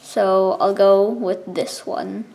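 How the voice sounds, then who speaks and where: A woman explaining something step by step in a casual, informal tutorial style, with halting pauses between steps. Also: mid-range voice, fairly even intonation, gravelly, mellow, poor audio. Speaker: card trick tutorial presenter.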